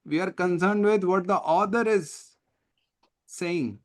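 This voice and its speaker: A man's voice: high voice, slow pace. A man with an Indian English accent tutoring an online class over a video call, often checking whether students follow. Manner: lively, questioning, checks understanding often. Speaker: test prep tutor.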